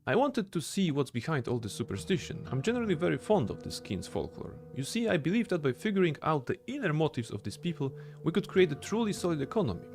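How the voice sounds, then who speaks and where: Brief: male streamer voicing a haughty young rich heir, lively pitch, game dialogue read aloud, faint music. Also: fast, few pauses. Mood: lofty. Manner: lofty, formal reading of game dialogue.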